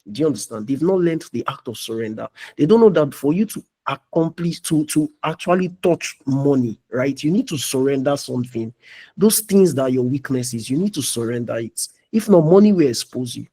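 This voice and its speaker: A man's voice: medium pitch, dark tone, husky. A young man giving a preachy motivational talk as a mentor in a live online meeting, often asking "you understand?".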